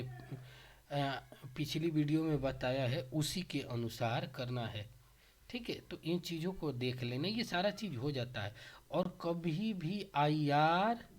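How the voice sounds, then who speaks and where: A man teaches an informal exam-prep lesson, speaking at an ordinary middle pitch. He guides students through the syllabus step by step and keeps checking that they follow along. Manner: instructive, addresses students directly, frequent checks for understanding.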